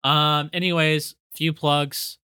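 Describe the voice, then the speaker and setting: A man's voice: on the high side, little pitch movement, slow pace, bright, forceful tone, clear, resonant tone, no echo, studio quality. A man co-hosting a casual podcast chat, rambling and joking as he reads out the show's plugs. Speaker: podcast co-host.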